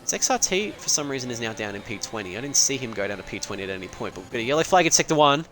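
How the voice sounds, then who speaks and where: A young man calls a sim race live in an offhand, rambling way, with quick jokes and the odd swear. His voice sits in an ordinary middle pitch. Faint engine noise hums behind him. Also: very animated, fairly bright tone. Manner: casual, rambling, swears and laughs. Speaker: race commentator. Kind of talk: live esports race commentary.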